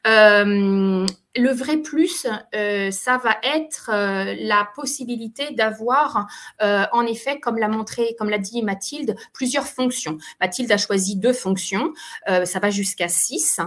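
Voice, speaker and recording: A woman's voice: mid-range voice, takes it slowly, fairly bright tone. Hesitant woman presenting a webinar. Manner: hesitant, frequent fillers, explanatory. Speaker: occupational therapist presenter. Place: webinar call.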